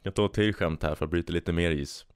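Low-voiced casual man hosting a podcast. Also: smooth, no echo, clean studio sound. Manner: rambling, self-amused, reads jokes aloud with voices. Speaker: podcast host. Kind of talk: casual solo podcast chat, reading jokes.

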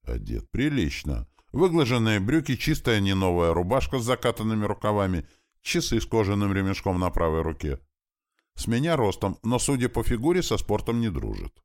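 A man's voice: on the low side, sing-song, a little fast, a little mellow. A man reading a first-person audiobook in a dry, sardonic storytelling manner. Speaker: audiobook narrator.

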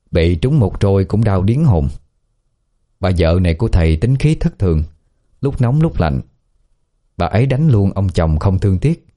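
A man narrating a ghost story in a steady, lively storytelling manner. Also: low voice. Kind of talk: scripted audio-story narration.

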